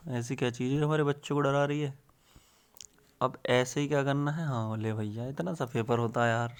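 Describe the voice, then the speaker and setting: A young man teaching exam tips in a casual, rustic way, calling his viewers brother and friend. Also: medium pitch.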